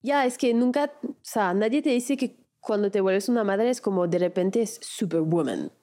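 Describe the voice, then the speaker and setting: A woman's voice: mid-range voice, normal speed, dark tone. A woman in her thirties hosting a podcast, musing aloud in a thoughtful, earnest way. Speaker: podcast host. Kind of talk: casual interview chat.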